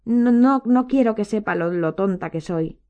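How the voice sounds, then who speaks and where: A woman's voice: medium pitch, fast, phone-quality sound, lightly acted. A woman voicing a distraught middle-aged mother witch, crying and stammering through sobs in an audiobook. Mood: tearful. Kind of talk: audiobook character voice.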